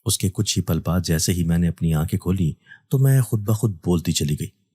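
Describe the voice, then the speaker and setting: A man narrating a first-person horror story in a steady, even storytelling delivery. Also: deep voice, breathy edge.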